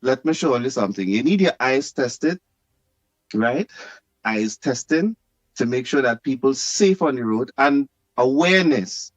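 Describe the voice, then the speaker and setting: A Trinidadian man calls in to a talk show with an animated rant, laughing often and emphatically repeating himself. His mid-range voice is a little slow, and the recording has no echo.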